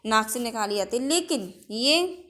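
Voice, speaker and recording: Woman teacher, slightly high voice, exam-prep lesson, repeats rules and quizzes the class. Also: animated, a little slow, a bit bright. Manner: repeats each rule, then quizzes it back; drills with example words in a list.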